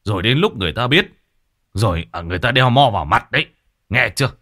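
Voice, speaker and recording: A man voicing a stubborn, gruff old father, who scolds curtly and swears. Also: mid-range voice, sing-song, quick pace, pushed and bright, pitched above the performer's own voice, exaggerated voice. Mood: gruff scolding. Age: older. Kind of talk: story narration with acted voices.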